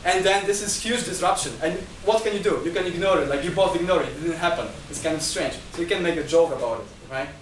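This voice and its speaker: A fast-talking man with a slightly high voice and hardly any pauses gives a lecture-style talk as a guest speaker at a discussion group, held indoors at a talk venue. He runs through numbered points with frequent restarts and repeated words; his first language isn't Chinese. The mic is distant in an echoey room, with a little hiss or hum.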